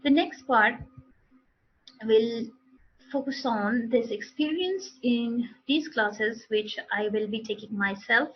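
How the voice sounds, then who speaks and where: Woman teacher with an Indian English accent, unhurried and drilling words, fairly high, dull lo-fi sound. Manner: slow, deliberate, repeating model words and sentences. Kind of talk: demo lesson on pronunciation.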